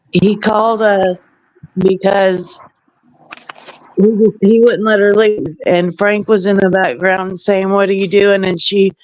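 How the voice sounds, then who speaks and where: A man in his forties in a casual group chat, recounting events in a halting way. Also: high-pitched, dry recording, poor audio. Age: 40s. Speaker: panel guest.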